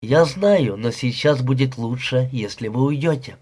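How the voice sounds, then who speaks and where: Audiobook: male reader doing a soft, pleading young wife, husky tone. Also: medium pitch, unhurried. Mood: sad. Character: young woman, nineteen, pleading and defensive.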